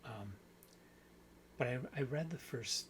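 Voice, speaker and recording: A man's voice: medium pitch, takes it slowly, slight background noise, low-quality recording. A man hosting a book channel, talking through a story in a casual, rambling way and correcting himself as he goes. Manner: rambling, self-correcting, thinks aloud.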